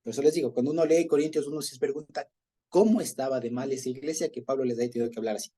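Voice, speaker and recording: A man with an Ecuadorian accent leads a relaxed Bible study, talking through his points in an easy, conversational way and often breaking into chuckles. His voice is mellow and slightly husky, in a middle pitch. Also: rapid-fire. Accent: Ecuadorian Spanish. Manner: conversational, chuckles often, frequent "¿ya?" check-ins. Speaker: Bible teacher. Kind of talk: informal Bible study teaching.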